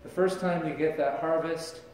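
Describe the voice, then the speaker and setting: A middle-aged pastor preaches a sermon conversationally, gesturing as he talks, in a slightly high, mellow voice with fairly even intonation and moderate pace. He's filmed by a far-off camera with no visible mic in a large church sanctuary, so the sound is echoey and distant with slight background noise.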